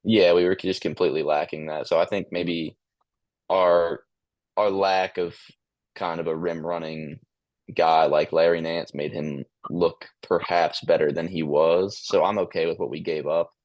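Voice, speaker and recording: A man co-hosting a casual sports podcast in a monotone voice, hesitant, with many ums and restarts. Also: sits low, unhurried, dry recording. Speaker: podcast co-host.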